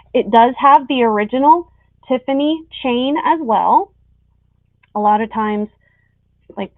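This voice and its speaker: A woman's voice: on the high side, gravelly. A woman working as an auctioneer on a live online sale, presenting items and calling bids. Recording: tinny phone-like sound.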